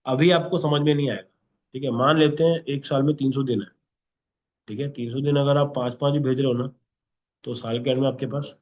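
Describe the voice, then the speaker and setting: A man's voice: medium pitch, steady tone, a little fast, a little mellow, highs cut off. A man teaching a class in a lesson, checking in with "okay?" after nearly every point. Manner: instructive, repeats 'okay?' constantly. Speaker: instructor.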